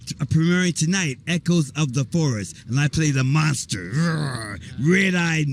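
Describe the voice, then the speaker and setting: A man, an actor, chatting excitedly and rambling in a casual outdoor interview at a volunteer event. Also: fairly high pitch, brisk, slight background noise. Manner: excited, rambling, spells things out. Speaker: actor guest.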